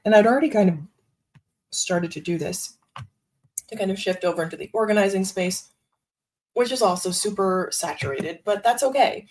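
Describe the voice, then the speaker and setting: Casual musing woman streamer, lowish voice. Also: dark tone, low-quality recording. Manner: musing, thinking aloud with fillers and laughs. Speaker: live stream host. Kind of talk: casual live stream chat. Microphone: desktop USB microphone.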